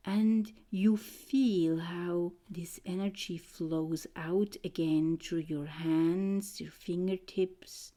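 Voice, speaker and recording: Very slow, mesmerizing, soft-voiced woman. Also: fairly low pitch. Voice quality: soft and breathy, often near a whisper. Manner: mesmerizing, hypnotic delivery with short, gentle phrases. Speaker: guided meditation narrator. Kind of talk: slow, soothing guided trance meditation.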